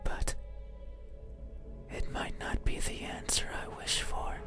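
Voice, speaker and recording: A performer voicing a lonely, eerie demon that yearns to be seen, in a halting, earnest whispered role-play. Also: lightly acted. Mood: wistful, fearful. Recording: whisper over loud music.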